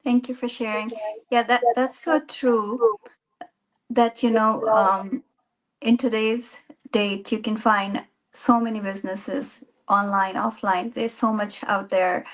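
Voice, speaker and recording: A woman with a fairly high voice hosts a webinar panel. She talks in a friendly, conversational way, introducing the panelists over a video call. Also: level tone, takes it slowly, rough recording. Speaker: host.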